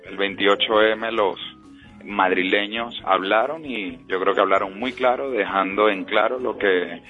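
A Venezuelan-born politician speaks as a radio guest in a measured, earnest way. His voice is very low. He comes through a tinny phone line with faint music behind. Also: steady tone. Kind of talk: radio interview.

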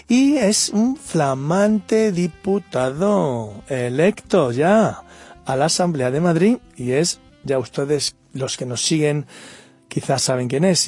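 A man's voice: on the high side, a little mellow, slightly rough. A man, a pastor hosting a radio interview, encouraging his guest.

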